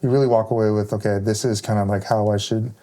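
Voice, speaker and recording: A man's voice: on the low side, little pitch movement, fast, dark tone. A man on a firefighter panel, chatting casually and rambling with lots of fillers. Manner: rambling, many fillers like "kinda" and "like".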